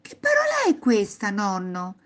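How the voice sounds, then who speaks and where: A woman voicing a curious, excitable little schoolboy in a children's storybook, with a squeaky, giggly voice. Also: measured pace. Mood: curious, cheeky. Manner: squeaky, giggly cartoon-style voice.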